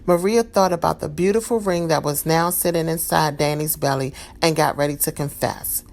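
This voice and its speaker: Woman storyteller, low gravelly voice, calm expressive read-aloud for kids. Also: normal speed. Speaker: storybook reader.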